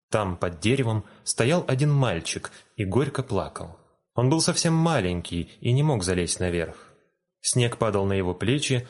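A man reading a fairy tale aloud in a calm, gentle storytelling manner. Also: on the low side. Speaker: narrator. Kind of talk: storybook narration.

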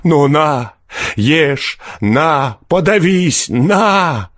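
A man's voice: on the high side, animated, extremely slow, fairly bright tone, dry recording, voice pushed up, heavily acted. A man reading an audiobook, voicing a desperate poor peasant who shrieks wild accusations. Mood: frantic rage.

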